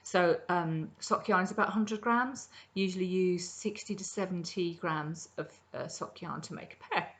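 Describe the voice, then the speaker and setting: In this casual show-and-tell, a middle-aged woman rambles chattily about her crafting projects, dropping plenty of ums as she podcasts from her kitchen indoors. She speaks at a moderate pace, barely pausing, in a fairly low but fairly bright voice.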